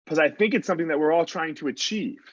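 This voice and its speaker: A man's voice: a little high, quick pace, husky, dry recording. A man in his forties hosting a podcast over a video call, talking loosely and bluntly with lots of fillers. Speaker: podcast host. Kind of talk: casual interview chat. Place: small room at home. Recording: dull dry video-call audio.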